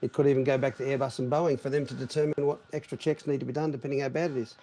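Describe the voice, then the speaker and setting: A man's voice: mid-range voice, flat delivery, rapid-fire, mellow. A man, a jet-lagged airline pilot, explaining things at length in casual chat with many restarts. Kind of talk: casual chat on a live stream.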